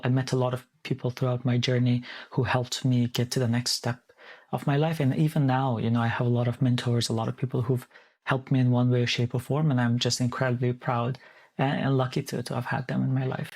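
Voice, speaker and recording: A man, answering interview questions in a measured, thoughtful way with small restarts. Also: mid-range voice, little pitch movement, a little mellow. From Afghanistan. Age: 30s. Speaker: guest.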